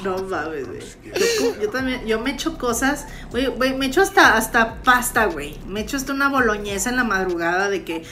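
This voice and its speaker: High-voiced Mexican woman, animated chat. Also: a little fast. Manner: animated, laughing, heavy slang and swearing. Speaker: podcast co-host. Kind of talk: casual comedic chat.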